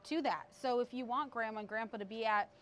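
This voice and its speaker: A woman's voice: on the high side, fast. A woman hosting a local TV show, chatting casually and rambling, with frequent laughs. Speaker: TV show host previewing segments. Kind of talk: casual on-air chat.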